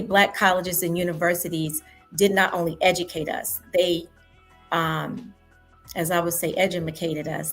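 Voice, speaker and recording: A woman co-hosting a morning talk show, chatting casually and telling stories with a sultry, husky voice. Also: lowish voice, a bit bright. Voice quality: sultry, husky from homecoming weekend. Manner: chatty and storytelling, calls listeners honey.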